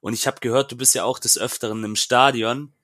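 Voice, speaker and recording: A man co-hosting a casual football podcast, giving calm, deliberate opinions. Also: mid-range voice, no echo, clean studio sound. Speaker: podcast co-host.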